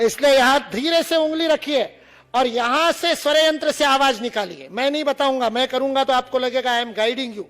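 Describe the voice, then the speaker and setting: A man's voice: very high-pitched, normal speed, fairly bright tone. A man from India lecturing to students, demonstrating sounds and teasing the audience with humor.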